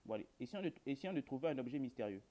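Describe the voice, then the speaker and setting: With a warm, medium-pitched voice, this man talks rapid-fire and sounds animated. He's hosting a horror game video, casually rambling at his viewers in colloquial terms and throwing in dry humor.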